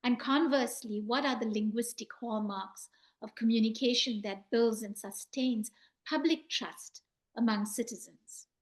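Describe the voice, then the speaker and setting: A woman from South Africa hosting a panel talk show, thanking her guest warmly and posing long, formal questions. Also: on the high side, measured pace. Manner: warm and appreciative, asking long formal questions.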